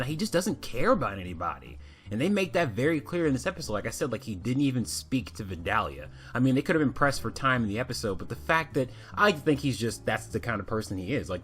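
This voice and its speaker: A man's voice: medium pitch, fairly bright tone. A man reviewing a cartoon in a casual, rambling rant, swearing freely and filling his talk with "like". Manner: rambling, profane, fillers.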